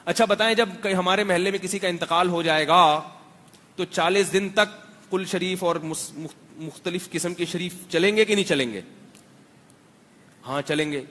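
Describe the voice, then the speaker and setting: High-voiced Pakistani man lecturing in a reverberant hall. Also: a bit bright. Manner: conversational, asks the audience rhetorical questions, wry humor. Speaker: Islamic scholar giving a talk. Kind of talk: religious lecture to a seated audience.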